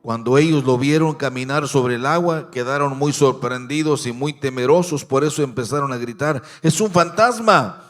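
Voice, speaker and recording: A man preaching a Spanish-language church sermon. He swings between loud emphasis and quiet, near-whispered appeals to the congregation. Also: medium pitch, fairly even intonation, moderate pace, hardly any pauses, faint music behind. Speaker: pastor.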